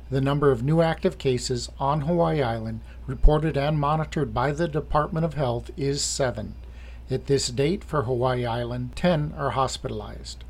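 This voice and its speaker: A man reading a formal, scripted civil defense broadcast in a grave, measured, official manner. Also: medium pitch, darkish tone.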